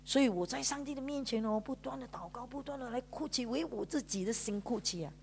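A woman's voice: fairly high pitch, animated, fairly quick, creaky, darkish tone, a little hiss or hum. A woman pastor with a Malaysian Mandarin accent, giving an emotional sermon testimony in a storytelling way, drawing out sentence particles and mixing in English words. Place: church.

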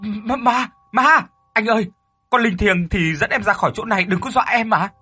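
A man voicing a timid young boy, the scared younger brother, in a narrated ghost story, speaking in a high pleading voice. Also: lively intonation, brisk, bright, forceful tone, slightly rough, faint music behind. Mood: terrified.

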